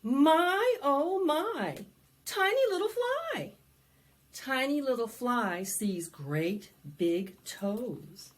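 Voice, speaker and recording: A library storytime host with a high, very animated voice draws out her words as she reads a picture book to preschoolers. She reads dramatically in a sing-song style, sings, and quizzes the kids with questions.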